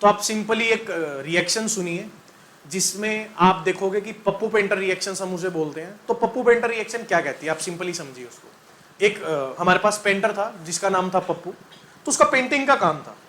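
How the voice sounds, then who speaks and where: In a lively classroom lesson, a male chemistry teacher with a high, bright voice quizzes students call-and-response style, adding jokes and sung mnemonics. He talks at normal speed, with slight background noise.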